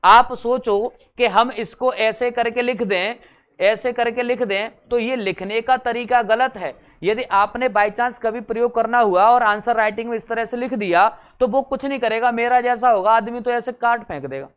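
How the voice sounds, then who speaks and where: Brief: young male teacher, smooth resonant tone, teasing classroom chat, quizzes the class. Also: extremely high pitch, normal speed, a bit bright. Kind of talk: exam-prep lecture.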